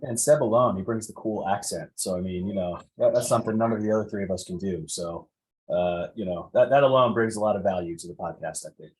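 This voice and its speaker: A man with a fairly low voice co-hosts a casual tech podcast. He talks quickly, eager and conversational, with lots of little asides. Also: low-quality recording. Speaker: podcast co-host.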